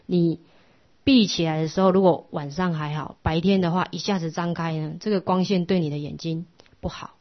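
A middle-aged woman, giving a patient, instructive Buddhist class lecture that often drops to a soft hush. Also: lowish voice, fairly even intonation, normal speed. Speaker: Buddhist teacher. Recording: lo-fi muffled recording.

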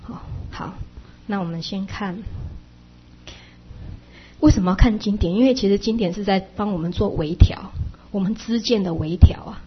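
A woman with a husky, breathy voice explains Buddhist teachings in a chatty sermon, softening her sentences with little particles. The recording sounds dull and lo-fi. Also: medium pitch. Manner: chatty, with frequent soft sentence-final particles.

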